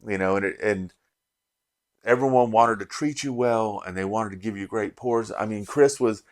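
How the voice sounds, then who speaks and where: A lowish, moderately paced male voice belongs to a middle-aged bourbon channel host from Las Vegas, USA. Recapping an event in a casual vlog, he rambles sincerely and keeps restarting his sentences.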